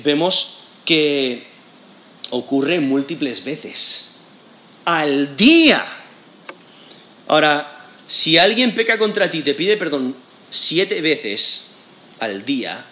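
A man's voice: on the high side, sharp tone, a little hiss or hum. Spanish-accented male preacher in an echoey room. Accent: Spain Spanish. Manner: conversational, frequent restarts and tag questions. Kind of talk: expository sermon.

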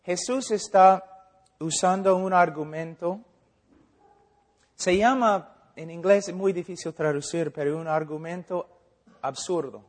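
Male preacher with a high voice, lively sermon acting out little scenes, in a church hall. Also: slow pace, long pauses. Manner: animated, acts out dialogues and rhetorical questions. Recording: long hall reverb.

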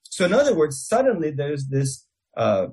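A man's voice: on the high side, wildly swooping pitch, normal speed, warm tone, breathy edge. A man with a Russian accent giving a theology lecture as a Bible teacher, explaining things step by step.

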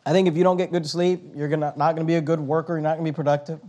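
A man preaching a sermon as pastor, emphatic and full of restarts, slowing down to read scripture with weight. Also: a little high, flat delivery, mellow. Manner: emphatic, punching key phrases, with frequent repeated restarts; reads scripture in a slowed, heightened voice.

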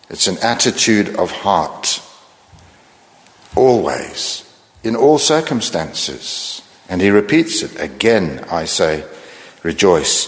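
A man delivers a sermon in an earnest, measured way, tossing in rhetorical questions to his listeners. His voice sits slightly low. The sound carries a long reverb, as if in a large hall. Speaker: preacher.

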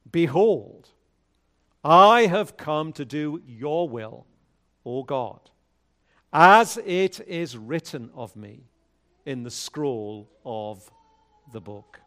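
A man speaking at a pulpit microphone, a pastor leading prayer and reading scripture in a measured, solemn way. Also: a little high, animated, fairly bright tone. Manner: measured, solemn liturgical delivery.

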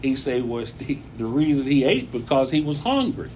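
A man's voice: mid-range voice, big pitch swings, normal speed, a little mellow, a little hiss or hum. A man preaching a conversational sermon in his church, folksy and repeating phrases for emphasis. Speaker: pastor.

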